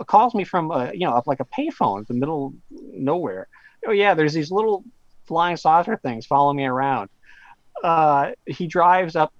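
A man's voice: on the high side, no echo. A man, a professor and guest author, casually telling a story in an interview, rambling with many fillers and stammered restarts. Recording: slightly dull lo-fi audio.

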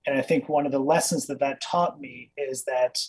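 A man who grew up in Kenya talks as a guest over a video call, earnest and reflective, pausing often on fillers. His voice is husky at a middle pitch. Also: steady tone, a little mellow, rough recording. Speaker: dentist, interview guest. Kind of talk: casual interview.

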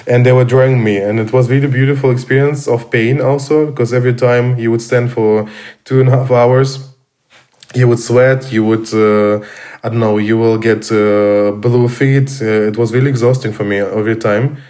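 A man, a guest speaking casually in English, pausing often with fillers and restarts. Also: medium pitch, fairly even intonation, darkish tone. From Armenian, raised in Russia. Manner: halting, many fillers and restarts. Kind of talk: casual conversation.

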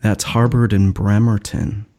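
A man's voice: on the low side, little pitch movement, unhurried, darkish tone. A man co-hosting a casual podcast, chatting playfully and joking with his co-host. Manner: playful, jokey banter. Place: Seattle.

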